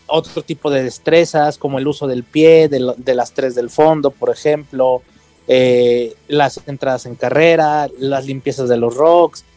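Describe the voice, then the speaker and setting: A man's voice: mid-range voice, darkish tone, no room sound. A man, a podcast guest talking casually and hesitantly, full of fillers. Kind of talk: casual interview chat.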